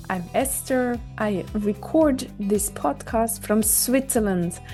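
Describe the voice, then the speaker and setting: A woman hosts her podcast in a slow, unhurried monologue, her voice mellow and a little high. Her delivery is gentle and reassuring, with soft music playing faintly underneath. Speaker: podcast host. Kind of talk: scripted reflective monologue. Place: recorded in Switzerland.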